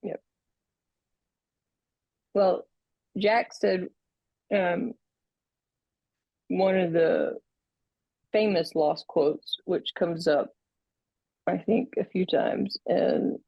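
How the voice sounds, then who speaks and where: A woman co-host speaking slowly in a lowish, gravelly, husky voice. She pauses and restarts as she hunts for words. The sound is dull and lo-fi, recorded close and dry. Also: dry recording. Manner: halting, many fillers and restarts. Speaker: podcast co-host. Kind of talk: casual chat.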